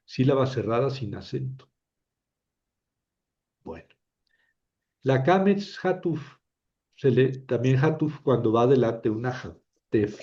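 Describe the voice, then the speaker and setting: A man teaches Biblical Hebrew in a slow classroom explanation, patiently sounding out syllables aloud and often checking in with "¿verdad?". His voice is medium-pitched and mellow, and the recording is muffled.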